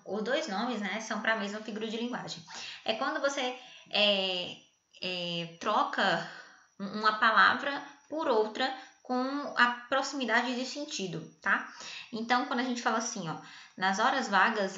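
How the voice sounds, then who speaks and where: A woman teacher gives a grammar lesson in a chatty, playful way, often checking in with her listeners. Her voice is fairly high, pushed and bright. The sound is dull and lo-fi, in an echoey room.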